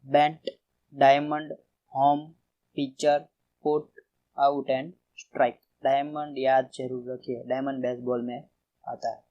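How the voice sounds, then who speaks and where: A man's voice: medium pitch, level tone, takes it slowly, lo-fi sound. A man teaching a general knowledge revision lesson, reading out word lists and stressing each term. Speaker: quiz teacher.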